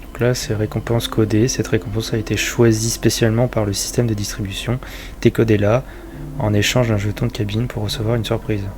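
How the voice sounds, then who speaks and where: A man's voice: fairly low pitch, flat delivery, fairly quick, noisy background. Man doing casual let's play commentary. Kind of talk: casual game commentary, reading on-screen text aloud.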